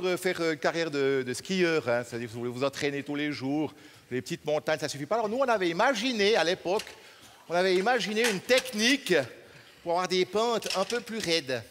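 A man from Switzerland with a Swiss French accent doing deadpan stand-up on a large theater stage, hesitating and filling pauses as he talks. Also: high-pitched. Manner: deadpan, hesitant, many fillers. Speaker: stand-up comedian. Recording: live hall with reverb and noise.

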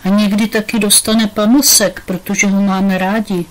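A woman's voice: mid-range voice, little pitch movement, lightly acted, poor audio. A woman reading aloud, voicing an earnest schoolboy who explains things to his class in a storybook.

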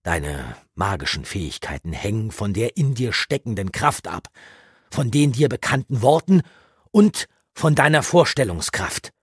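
Guy doing a gruff old mentor, low husky voice, stern and lecturing, audiobook. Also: big pitch swings, no room sound, studio quality, full character voice. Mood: grave. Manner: grave, measured, lecturing. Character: gruff older male mentor, stern and guarded. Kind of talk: audiobook character reading.

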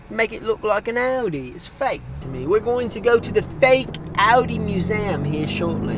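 A man's voice: high voice, very noisy. A man in his thirties, a travel vlogger, talking casually to a camera held at arm's length, joking and teasing as he goes. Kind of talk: casual vlog narration. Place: inside a car and outdoors in a city. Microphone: camera mic at arm's length.

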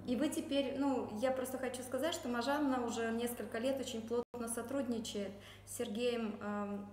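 A woman's voice: fairly high pitch, steady tone, normal speed, darkish tone. A woman hosting an interview in a conversational style. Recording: echoey room with faint background noise.

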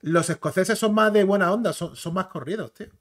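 A slangy, chatty man from the Canary Islands talks through a video clip in a relaxed commentary style. His voice sits a little high for a man, and he keeps dropping filler tags into his sentences. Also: a little fast. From Canary Islands, Spain. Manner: chatty, slangy, keeps tagging phrases with "tío" and "¿vale?". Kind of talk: casual commentary reacting to a clip.

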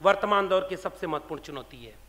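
A man's voice: high-pitched, expressive, quick pace, pushed and bright. A man in his thirties from India giving an impassioned political speech to an audience, fiery and rhetorical, firing pointed questions. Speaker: speaker at a public meeting. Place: large hall before an audience. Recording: reverberant hall sound.

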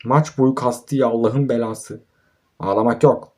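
A young man narrates a mobile football match for his YouTube channel in an unhurried, steady, mid-range voice with a darkish tone. He's exasperated, ranting and cursing at his own team.

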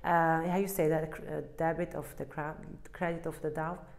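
A woman's voice: sits low, level tone, normal speed, a little mellow. Woman, tarot reader, casual, rambling, searches for words, laughs at herself.

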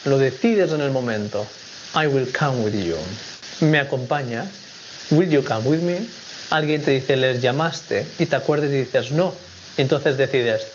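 A man's voice: medium pitch, a little hiss or hum. Man teaching English on dull video audio. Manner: clear, measured explanations with slow English examples. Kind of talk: recorded video lesson.

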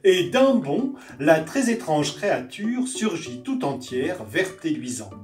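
A woman reading a children's picture book aloud with expressive storytelling. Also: low-pitched, slow. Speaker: story reader. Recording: roomy, distant mic, faint guitar. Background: soft guitar music.

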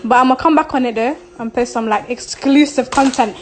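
A young woman in her twenties, high-voiced and brisk, chats casually on a phone livestream with soft music behind her. She reads viewer questions aloud and answers bluntly, laughing and swearing a lot, like the social media personality she is. The phone is held close in selfie framing.

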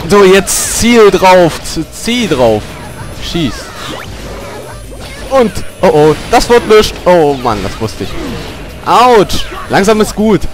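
A man commenting on his own gameplay, grumbling and cursing at the game, with loud yelps and outbursts whenever he gets hit. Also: sits high. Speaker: let's player. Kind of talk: gaming commentary.

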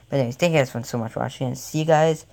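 A young man giving rambling, easily excited, jokey commentary over his own tank game session, recorded on a home mic. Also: mid-range voice, fast talker, gravelly, background noise. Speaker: gaming channel host.

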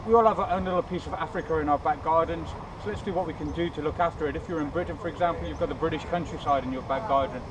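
Upbeat man in his thirties, quick and high-pitched, recorded from a few steps off a camera mic with steady outdoor noise behind. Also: distant mic. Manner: upbeat, chatty, frequent "uh" fillers. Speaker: charity fundraiser. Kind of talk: casual vlog to camera. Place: outdoors on a seaside promenade. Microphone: action camera on a stand and handheld on a bike ride.

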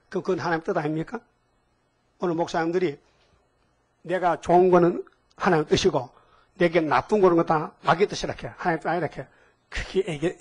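A man's voice: a little high, husky. A man in his seventies preaching a sermon in a folksy way, asking the congregation questions and adding homely asides. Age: 70s. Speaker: pastor. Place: church hall.

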